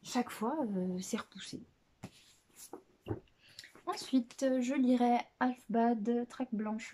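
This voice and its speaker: A woman presenting books in a casual vlog chat, hesitant and chatty, with many filler pauses and restarts. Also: on the high side, dark tone. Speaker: book vlogger.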